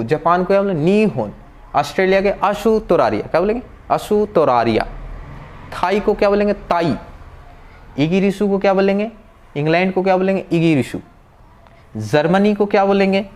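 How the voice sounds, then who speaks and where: A man's voice: high-pitched, a little mellow. A man teaching a vocabulary lesson who keeps asking questions and answering them himself, explaining patiently step by step. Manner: drills with repeated questions and answers. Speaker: language teacher. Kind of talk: classroom-style vocabulary lesson.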